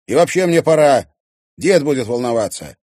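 A man's voice: medium pitch, lively intonation, normal speed, a little mellow, no room sound, studio quality, voice pushed up, lightly acted. A man voicing a secretive teenage boy in an audiobook who squeezes out forced, strained replies. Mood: evasive.

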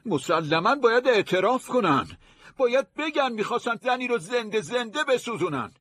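A man voicing an excitable, fretful young male manservant in an audiobook, with a breathy, high, jumpy voice. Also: no echo, full character voice. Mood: agitated. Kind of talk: audiobook character voice.

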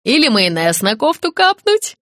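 Woman narrator doing a bossy gushing TV director, higher-set, dry close read. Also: very animated, moderate pace, fairly bright tone, no echo. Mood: bustling. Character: brisk fussy female TV director, middle-aged.

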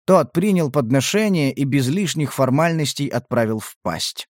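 A man's voice: medium pitch, lively intonation, moderate pace, no echo, studio quality. A man reading a first-person audiobook in a tense, dramatic storytelling manner. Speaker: audiobook narrator. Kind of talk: scripted first-person narration.

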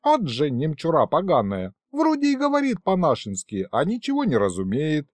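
A cantankerous old grandfather, as a male storybook reader puts him on, hollering and grumbling in rustic, old-fashioned turns of phrase. The voice sits fairly high and leaps wildly up and down as he rants. It is close and dry, with no room sound. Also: huge pitch swings, normal speed, no room sound. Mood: indignant. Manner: shouting, folksy old-fashioned speech.

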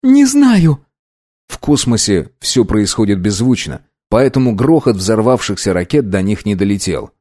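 A man narrating an audiobook in an even, measured storytelling manner. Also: fairly low pitch, no room sound, clean studio sound.

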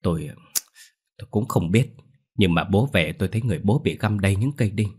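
A man's voice: low-pitched, lively intonation, brisk, a little mellow, husky. A man playing a shaken, frightened son. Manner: shaken, stammering, crying out. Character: frightened grown son haunted by dead father.

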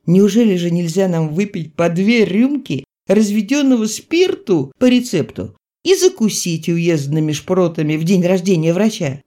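Excitable young male country doctor, lively rising voice, read by a woman. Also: fairly low pitch, moderate pace, lightly acted. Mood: pleading. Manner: excited, exclaiming.

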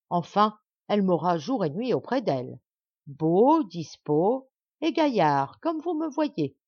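Haughty little male dwarf, as a woman puts him on, mocking storybook scoundrel, lively swooping voice, dry dull recording. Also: lowish voice, husky, no echo. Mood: gloating.

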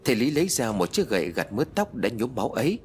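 A man narrating a ghost story audiobook in a dramatic, expressive storytelling manner. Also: mid-range voice, fast, a little hiss or hum.

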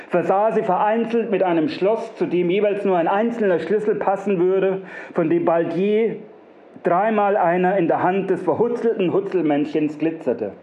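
A man narrating a satirical fairy tale in a playful, wordy, repetitive way. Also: sits high. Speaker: storyteller. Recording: roomy, dull lo-fi recording.

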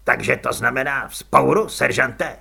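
A man's voice: mid-range voice, gravelly, pushed and bright, breathy edge, full character voice. A man voicing a stiff, pompous army captain who gives haughty orders. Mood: stiff commanding.

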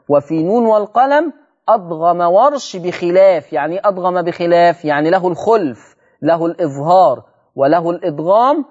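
A man with an Egyptian accent teaching Quran recitation rules on a religious broadcast, repeating words slowly and asking his audience rhetorical questions. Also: a little high, darkish tone, dull audio. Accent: Egyptian Arabic. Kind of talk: televised religious lesson.

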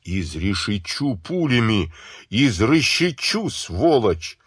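A man's voice: on the low side, sing-song, slow, husky, dry recording, clean studio sound, exaggerated voice. A man voicing a menacing father who barks out threats.

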